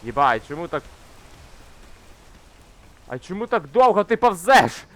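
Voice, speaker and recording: A young man commenting casually on a climbing game he plays, swearing often and shouting when things go wrong. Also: high-pitched, very animated, a little slow. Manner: swears constantly, shouts in frustration while climbing. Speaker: gamer. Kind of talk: casual let's-play commentary. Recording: faint game music behind.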